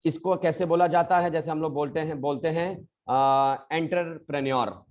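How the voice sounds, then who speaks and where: A male English teacher giving a pronunciation lesson, patiently addressing his students as children and repeating each word slowly to model it. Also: a little high, fairly even intonation, darkish tone, dull audio.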